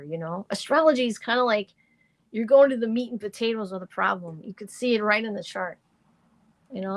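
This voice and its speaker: A middle-aged woman gives live astrology and tarot readings to viewers, rambling chattily and using plenty of fillers. Her voice is slightly hoarse and deepened, and there's no room sound.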